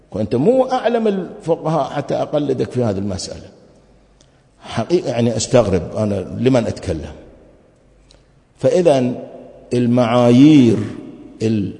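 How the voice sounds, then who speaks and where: A man's voice: mid-range voice, mellow. A man giving a religious lecture, arguing his points through rhetorical questions. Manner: argumentative, full of rhetorical questions. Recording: long hall reverb.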